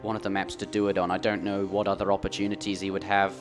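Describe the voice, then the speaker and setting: Casting a live esports match in a studio, this man talks fast in a low, completely flat voice that sounds strained after days of commentary. He's chatty and reads viewer messages aloud, with music playing behind him.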